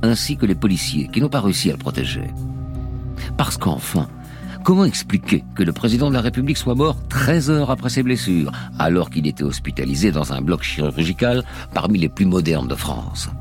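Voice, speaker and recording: A man's voice: deep voice, big pitch swings, brisk, a little mellow. A man narrating a scripted radio documentary as a dramatic story, with emphatic phrasing. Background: music.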